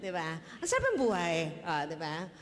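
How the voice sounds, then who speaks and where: Her voice is lowish, with huge swings in pitch at a moderate pace, and the sound carries a big-room quality. She's a church testimony speaker from the Philippines with a Filipino accent, chatting casually through her personal faith story, laughing frequently and dropping in tag questions.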